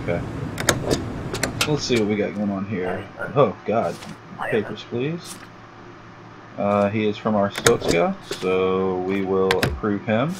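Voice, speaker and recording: A man casually commenting as he plays a game for the first time, chatty and sarcastic, reading on-screen text aloud on a low-quality home mic. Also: animated, takes it slowly, pauses often, heavy background noise. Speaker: gaming YouTuber. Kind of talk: casual let's-play commentary. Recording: loud game music behind.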